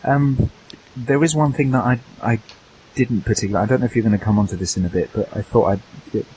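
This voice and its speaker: A man co-hosting a casual gaming podcast, talking haltingly and restarting his sentences as he thinks. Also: medium pitch, mellow, a little hiss or hum, low-quality recording. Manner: hesitant, restarts and repeats words while thinking. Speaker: podcast co-host.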